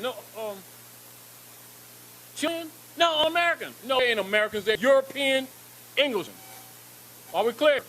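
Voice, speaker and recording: Man, lecturer, emphatic, preachy, rhetorical questions, somewhat high voice. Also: low-quality recording.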